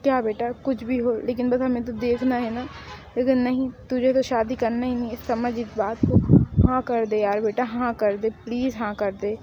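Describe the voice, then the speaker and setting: A woman's voice: a little high, level tone, moderate pace, warm tone, slight background noise, close to an everyday voice. A woman voicing a middle-aged father who pleads with his daughter. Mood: pleading.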